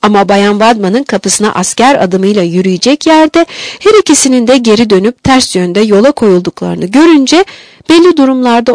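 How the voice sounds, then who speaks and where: A woman narrating a classic novel as an audiobook in a steady storytelling manner. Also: medium pitch, dry recording.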